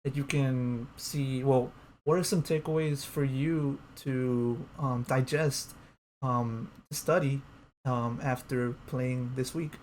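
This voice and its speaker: A man interviewing an esports player, asking questions in a halting way, restarting and filling with ums. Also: mid-range voice, fairly even intonation, darkish tone, slight background noise.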